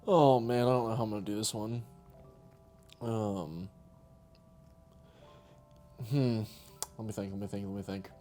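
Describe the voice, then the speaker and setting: A man's voice: fairly low pitch, fairly even intonation, measured pace, pauses often, dark tone, soft background music. A man co-hosting a casual podcast, reading out joke cards and laughing often between them. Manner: laughs often, tries funny accents. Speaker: podcast co-host.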